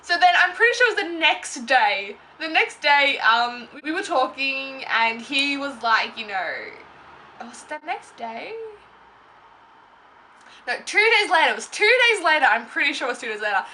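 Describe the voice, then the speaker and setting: Young woman, bright tone, casual rambling vlog talk. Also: high voice, lively intonation, moderate pace. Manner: rambling, filler-heavy, self-interrupting. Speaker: vlogger. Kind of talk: casual story time.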